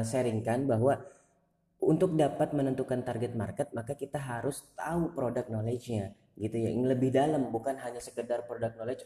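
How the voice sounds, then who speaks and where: Brief: male host, dark mellow voice, loose rambling delivery, roomy reverb. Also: medium pitch. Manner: relaxed and rambling, many fillers. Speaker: channel host. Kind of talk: casual talk. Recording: echoey room with long reverb.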